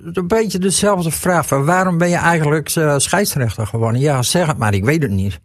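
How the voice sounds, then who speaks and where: A man's voice: fairly high pitch, fairly quick, dry recording, studio quality. A retired man in his sixties, an amateur football referee, chatting as a guest and stumbling over repeated words. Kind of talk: casual radio chat.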